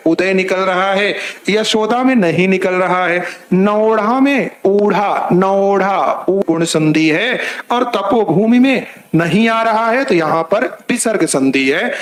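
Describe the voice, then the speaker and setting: A man with a bright, high voice runs an online grammar class. He moves through the material step by step, asks questions and answers them himself, and repeats the key points, speaking to his listeners as if they were children. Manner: explains step by step with rhetorical questions and repetition. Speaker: teacher.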